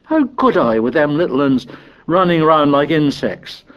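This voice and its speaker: Man playing an indignant, high-pitched schoolboy. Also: animated, moderate pace, lo-fi sound, lightly acted. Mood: indignant, exasperated. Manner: breathless tirade in ungrammatical working-class British speech. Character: indignant fearful schoolboy, pleading and scolding.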